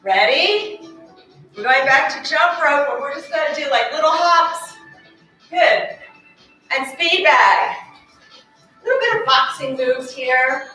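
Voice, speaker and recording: A woman leads an exercise class, calling out moves and encouragement while she works out herself, a little out of breath. Her voice is high and bright. She is recorded from a distance in a very echoey studio with faint music behind. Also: slow, long pauses. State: slightly out of breath. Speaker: fitness instructor. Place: carpeted studio.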